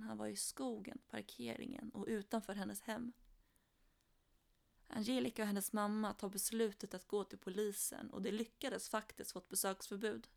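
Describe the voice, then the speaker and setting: Woman narrator for a true crime story, even delivery, some vocal fry. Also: mid-range voice.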